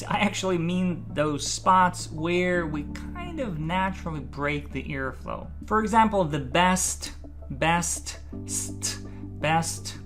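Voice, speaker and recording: Unhurried articulation coach, deliberate stressed delivery. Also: mid-range voice. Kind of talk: instructional articulation lesson with demonstrated drills.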